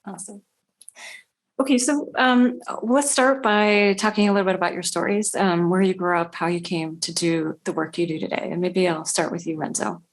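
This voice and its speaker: A woman's voice: fairly low pitch, moderate pace. Upbeat woman hosting a podcast. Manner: bright, upbeat scripted intro, then relaxed chat. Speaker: podcast host.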